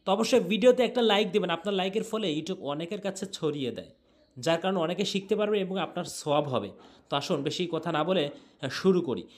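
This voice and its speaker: This is a man teaching recitation, his voice sitting a little high for a man. He drills each syllable slowly and over again in an earnest, coaching way. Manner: drills sounds slowly and repeats them. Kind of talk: tutorial lesson.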